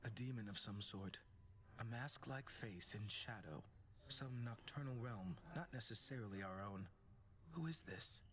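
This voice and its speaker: A man's voice: on the low side, animated, unhurried, a bit bright, slight background noise. A man voicing a courteous, cryptic spirit seer in a video game, speaking in a formal, enigmatic way. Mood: uneasy wonder. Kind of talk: video game character acting.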